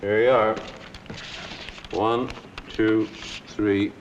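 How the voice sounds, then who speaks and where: A man playing a shrewd, unsentimental buyer in terse, deadpan 1940s screwball comedy banter. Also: on the low side, extremely slow, muffled recording. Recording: distant, faintly noisy old film soundtrack.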